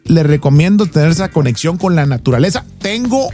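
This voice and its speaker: A man's voice: a little high, sing-song, brisk, dark tone, soft background music. A man with a northern Mexican accent hosting a radio show in playful, informal banter full of colloquial slang.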